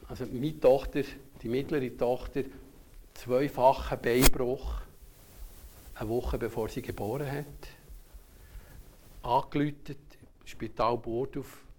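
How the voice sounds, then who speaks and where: Hushed, earnest older Swiss preacher. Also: male voice, medium pitch, steady tone, slow, pauses often, slight background noise. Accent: Swiss German. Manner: earnest storytelling, often dropping to a hushed near-whisper. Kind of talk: sermon with personal story.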